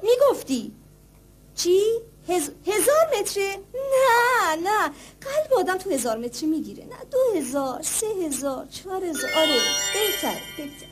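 An actress playing a fussy mother who scolds and soothes her child and sighs expressively. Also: extremely high pitch. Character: fussy mother, middle-aged, scolding and doting. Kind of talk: TV children's drama.

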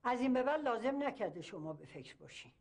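A woman's voice: a little high, big pitch swings, a little mellow. An actress playing a stern woman in charge who scolds the others, in a TV drama. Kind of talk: TV drama acting.

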